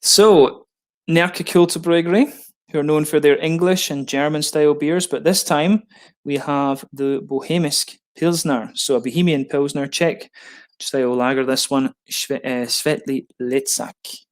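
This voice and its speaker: A man's voice: fairly high pitch, fairly even intonation, a little slow. A man giving casual unboxing commentary as a beer reviewer, chatty and rambling with frequent ums.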